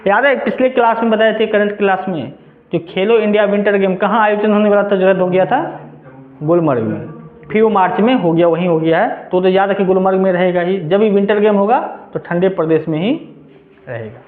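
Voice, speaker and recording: A man's voice: high voice, brisk. A man teaching a class in speech, asking his students questions and then answering them himself. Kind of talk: classroom lecture. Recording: echoey room on a tinny lo-fi line.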